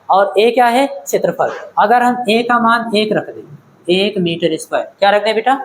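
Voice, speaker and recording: Over a faint hiss or hum on a rough recording, a high-voiced man lectures a physics class. He keeps asking questions to confirm the students are following, calling them "beta."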